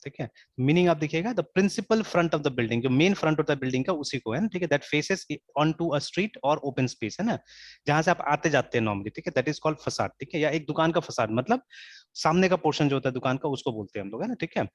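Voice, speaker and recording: Expressive and brisk, with a fairly high pitch, a man teaches programming informally online, mixing in English and constantly saying "theek hai". The recording has no echo and is dull, dry and lo-fi.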